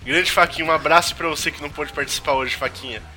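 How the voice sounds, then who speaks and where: A young man with a Brazilian accent, joking and swearing loudly in a casual podcast chat. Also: fairly high pitch, fast, music in the background. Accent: Brazilian Portuguese. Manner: swears a lot, jokey, loud outbursts. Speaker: podcast co-host, game reviewer.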